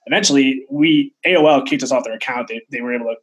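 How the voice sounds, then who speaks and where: Male tech guest, thirties, medium pitch with a rough husky edge, chatty anecdotal interview delivery. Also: fast talker, highs cut off. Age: 30s. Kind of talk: casual storytelling in an interview.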